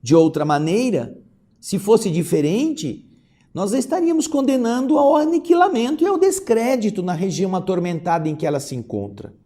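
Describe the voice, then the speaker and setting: A man voicing a composed male spirit guide who explains things in a measured way. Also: sits high, animated, warm tone. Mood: earnest.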